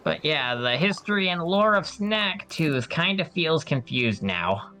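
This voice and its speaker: A man's voice: on the high side, very animated, measured pace, pushed and bright. A man chatting casually as co-host of a let's play. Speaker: gaming channel co-host.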